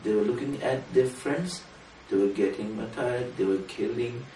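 A man giving an earnest sermon to a small gathering, speaking in a measured way that rises for emphasis. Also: medium pitch, mellow. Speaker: religious speaker. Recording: roomy room from a distance, faint noise.

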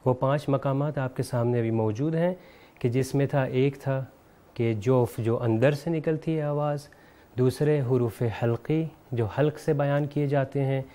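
Mellow-voiced man teaching Quran pronunciation. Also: medium pitch. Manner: measured, explanatory, says letters out slowly to demonstrate. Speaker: Quran recitation teacher and show host. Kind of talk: televised lesson on Arabic pronunciation.

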